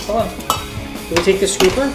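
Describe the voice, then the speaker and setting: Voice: medium pitch, brisk. A parent chatting casually and playfully with young children, encouraging them and asking lots of questions. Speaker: parent vlogger. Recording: roomy echo with loud music behind.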